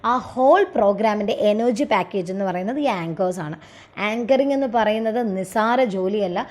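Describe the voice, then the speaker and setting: A young woman teacher with a Malayali English accent, slowly reading exam answers in English and explaining them in Malayalam. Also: mid-range voice, a little mellow. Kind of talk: exam revision lesson.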